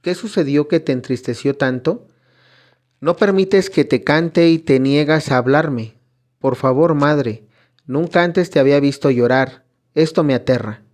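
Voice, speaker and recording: A man voicing a frightened young female visionary, reading her pleas slowly. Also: fairly high pitch, darkish tone, natural voice. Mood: pleading.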